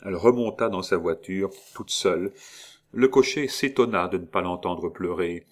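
Deep-voiced guy reading an old novel aloud, calm and measured. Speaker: narrator. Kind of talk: audiobook reading of a classic novel.

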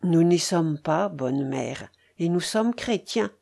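A woman's voice: on the low side, expressive, takes it slowly, vocal fry, warm tone, exaggerated voice. A woman reading a grave, sorrowful young man. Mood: solemn.

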